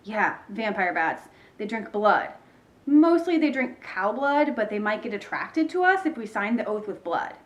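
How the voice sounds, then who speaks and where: A woman's voice: a little high, sing-song, normal speed, highs cut off. A woman voicing a dramatic, secretive young schoolgirl in a storybook read-aloud.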